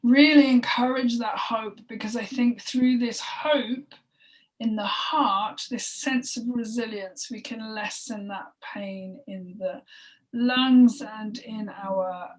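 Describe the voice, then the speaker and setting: A woman co-hosting a spoken energy healing session, talking in a halting, emotional way, with sighs and soft breathy asides. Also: fairly high pitch, fairly even intonation. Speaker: healing session practitioner and co-host. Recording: voice distant from the mic.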